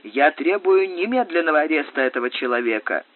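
A haughty, defiant nobleman, as a male reader plays him, firm and accusing, with a lively, fairly high voice. It comes through tinny, phone-like audio. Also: a little fast. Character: proud defiant male nobleman under arrest.

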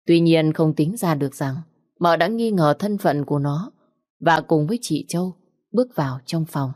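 Female story narrator, low voice, dry close sound. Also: normal speed, a little mellow, no room sound.

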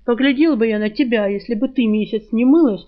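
A woman voicing a sly, sharp-tongued male talking rat in an audiobook, mocking and quick with insults. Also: fairly high pitch, dull audio, close to an everyday voice.

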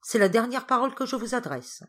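A woman's voice: deep voice, lively intonation, moderate pace. A woman voicing a proud, scornful governess cousin in an audiobook. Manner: scornful, reproachful.

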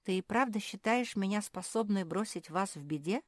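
In clean studio audio with no room sound, a woman with a medium-pitched voice at normal speed performs a brave, bossy young female pet animal from a storybook. She pitches up from her own voice while staying close to everyday speech, sounding bold as she eagerly issues commands.

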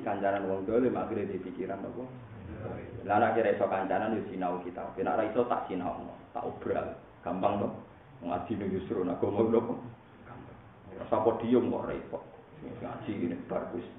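A man with a Javanese accent giving a relaxed, humorous religious study sermon. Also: lowish voice, a little fast. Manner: casual, humorous, mixing in regional words. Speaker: Islamic preacher. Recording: echoey phone-like recording, faint noise.

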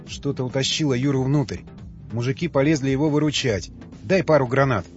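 A cocky, quick-tempered young fighter who will not take orders lightly, voiced by an audiobook reader. The sound is slightly dull and lo-fi, and faint music runs underneath. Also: male voice, medium pitch, close to an everyday voice. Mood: brash.

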